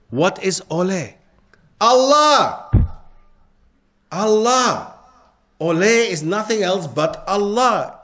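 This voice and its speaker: A man giving an interactive lecture to a live audience, often stopping to put questions to the listeners. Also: high voice. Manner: quizzes the audience with frequent questions. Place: lecture hall.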